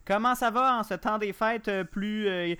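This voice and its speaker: A man's voice: high voice, moderate pace, bright, forceful tone, clear, resonant tone. A man with a Québécois accent hosting a morning podcast, asking his guest questions in a chatty, joking way. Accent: Québécois French. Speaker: podcast host. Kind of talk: casual radio panel discussion.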